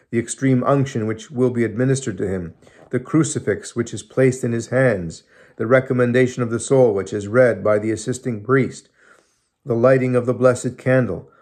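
A man in his fifties reading old sermons aloud at home, measured and solemn, dropping his voice for scripture citations. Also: medium pitch, darkish tone. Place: small room at home, indoors. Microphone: phone or webcam close in front.

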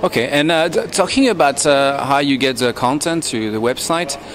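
A man interviewing a guest at a conference, asking long, halting questions full of fillers. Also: mid-range voice, a bit bright. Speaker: interviewer, travel blogger.

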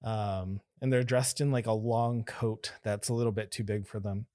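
Casual laughing game master, dry sound. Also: male voice, on the low side, steady tone, moderate pace, dark tone, no echo. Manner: casual, laughing often, many fillers. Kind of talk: narrating a tabletop game.

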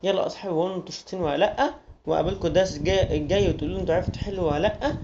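A young man with an Egyptian accent leads a children's lesson, talking quickly in a coaxing, sing-song way with a slightly raised pitch. The recording sounds dull and lo-fi, and there is a clear hiss behind him. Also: a little mellow. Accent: Egyptian Arabic. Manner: coaxing, sing-song, addresses kids as friends. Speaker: teacher.

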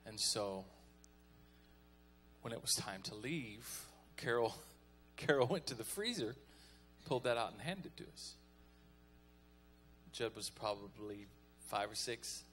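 A man's voice: lowish voice, lively intonation, measured pace, long pauses, a bit bright, faint music behind. A man preaching a folksy, conversational sermon as pastor, calling on the congregation to respond.

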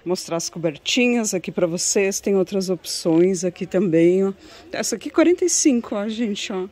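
A woman with a Brazilian accent vlogs from inside a cluttered home textiles shop, showing the goods to her viewers in casual, admiring chatter. Her voice is medium in pitch, animated and a little mellow, at a normal speed, and she often ends lines with little tag questions.

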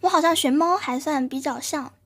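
A woman's voice: high voice, a little fast, fairly bright tone. A woman streamer chatting casually and playfully with her live viewers, often giggling and thanking them.

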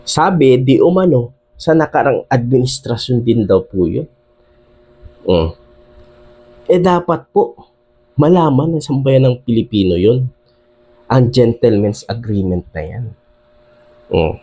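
Filipino male commentator, mellow, animated talker, keeps asking his viewers rhetorical questions. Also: medium pitch, unhurried, pauses often, husky. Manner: animated, addresses viewers often, frequent fillers and rhetorical questions. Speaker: political commentator. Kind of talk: casual political commentary.

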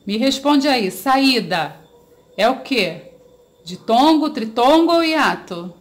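Slow-paced Brazilian woman teaching children. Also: high voice, expressive. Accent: Brazilian Portuguese. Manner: slow, drawn-out syllables, asks pupils questions and praises. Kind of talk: children's grammar lesson.

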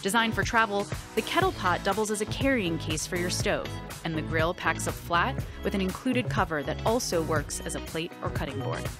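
A woman reading a scripted promotional voice-over with an upbeat, crisp delivery. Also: fairly low pitch, expressive, brisk. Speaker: product narrator. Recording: voice-over with clear music underneath.

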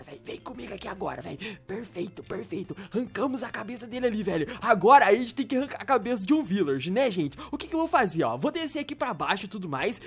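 Fast, animated man. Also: high-pitched. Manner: joking, mischievous, playing a doctor. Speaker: gaming YouTuber. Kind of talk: playful gaming commentary with role-play.

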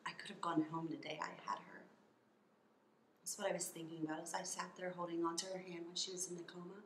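Woman acting a grieving middle-aged mom, low breathy voice, halting dramatic monologue, roomy sound. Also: little pitch movement, a bit bright, natural voice. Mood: tender reminiscing. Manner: halting, emotional, intimate delivery. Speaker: actor performing a monologue. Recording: roomy, with background noise.

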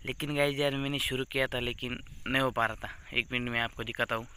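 A man's voice: medium pitch, bright, forceful tone, slight background noise. A young man giving casual, joking gameplay commentary as a gaming YouTuber, teasing the baby on screen.

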